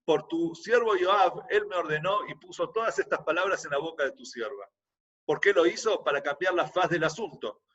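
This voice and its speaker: A fairly high-voiced man with an Argentine accent teaches a Bible class, reading a verse and then restating it simply. He stumbles and repeats words as he thinks. The recording is muffled, and he sounds some distance from the mic. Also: animated, fairly bright tone, slightly rough. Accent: Argentine Spanish. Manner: reads a verse, then explains it in plain everyday words; halting, repeats words as he searches. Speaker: Torah teacher.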